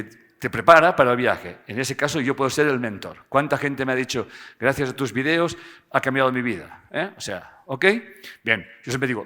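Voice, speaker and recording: Animated man lecturing, bright voice. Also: medium pitch. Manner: animated, tags phrases with "¿eh?" and jokes with the audience. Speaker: speaker giving a seminar. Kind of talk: live talk to an audience.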